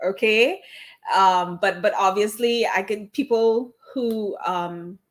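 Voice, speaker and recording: An immigration attorney with a slight Trinidadian accent answers interview questions candidly over a video call, often restarting her phrases. She speaks slowly in a mid-range voice, in a conversational way.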